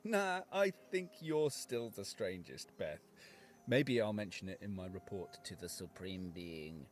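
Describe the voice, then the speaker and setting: An actor playing a young Englishman in a video game, joking in a dry, deadpan way. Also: low voice, a little slow, soft background music. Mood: teasing. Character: young man, dry joking countryside companion.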